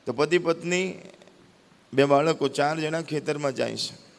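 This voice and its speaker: A man's voice: on the high side, a little slow, vocal fry. A man with a Gujarati accent telling a devotional story in a sermon, acting out the characters' cries and pleas. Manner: acts out characters' cries and pleas with rising intensity. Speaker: spiritual storyteller. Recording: long hall reverb with faint sitar music.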